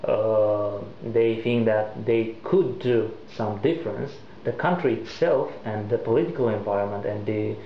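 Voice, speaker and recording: A man's voice: lowish voice, unhurried, few pauses, a little hiss or hum. A man from Romania, asking interview questions and pushing back, with fillers. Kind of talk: conversational interview. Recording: roomy, slightly muffled recording.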